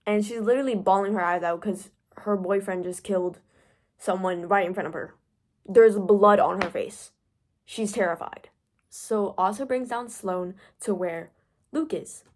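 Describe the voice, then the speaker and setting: A woman's voice: mid-range voice, a little slow, darkish tone. A young woman giving a casual, profane rant about a book plot, packed with "like" fillers. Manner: profane, filler-heavy storytelling. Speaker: book vlogger.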